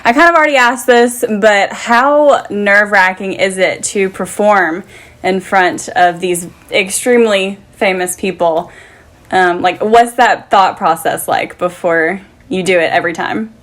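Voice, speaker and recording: A woman's voice: mid-range voice, a little slow, a bit bright. A woman doing a casual interview as an encouraging, agreeable interviewer.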